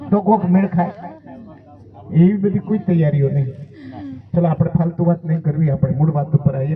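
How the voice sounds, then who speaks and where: A man giving a sermon with stories, urging his listeners again and again to pay close attention. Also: high voice. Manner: emphatic preaching, exhorting listeners to pay attention. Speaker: saint giving a satsang. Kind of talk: sermon with storytelling. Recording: tinny, phone-like, distant from the mic.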